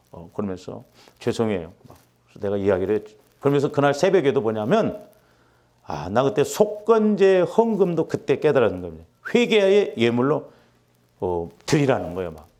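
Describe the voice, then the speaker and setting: A middle-aged man preaching as a pastor, telling a personal story and acting out the quotes. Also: mid-range voice. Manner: animated, acts out quotes with rising intensity. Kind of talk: sermon with storytelling.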